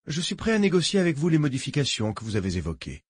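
A man's voice: fairly high pitch, huge pitch swings, quick pace, husky, dry recording, clean studio sound, pitched above the performer's own voice, heavily acted. A man voicing a cold, impatient billionaire who speaks in a curt, clipped way.

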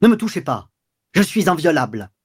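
A man's voice: mid-range voice, normal speed, a little mellow, close to an everyday voice. A man reading aloud, voicing a haughty government minister who stammers and then turns proud and indignant. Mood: cornered pride. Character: haughty male government minister caught in adultery.

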